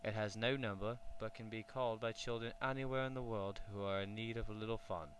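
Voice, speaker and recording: Engelbert Duck, a jolly duck gentleman voiced by a man. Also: lowish voice, fairly even intonation, a little fast, slight background noise, natural voice, low-quality recording. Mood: cheerful. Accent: British English. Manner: cheerful, polite, reassuring. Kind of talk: children's storybook reading.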